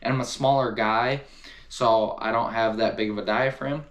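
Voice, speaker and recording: A man's voice: mid-range voice, fairly even intonation, moderate pace, a bit bright, dull audio. A man talking casually to camera as he reviews hunting gear, enthusiastic and repeating words for emphasis.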